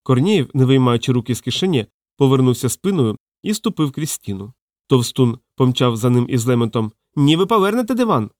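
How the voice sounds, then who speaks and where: A man reading an audiobook aloud in a wry, lively storytelling manner, close to the mic. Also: medium pitch, brisk, no echo. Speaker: audiobook narrator.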